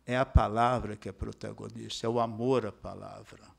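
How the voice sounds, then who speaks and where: A man's voice: on the low side, steady tone, normal speed, vocal fry. A man with a Brazilian accent giving an academic lecture as a guest speaker. He explains step by step and keeps checking in with the audience through tag questions. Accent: Brazilian Portuguese. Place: lecture hall.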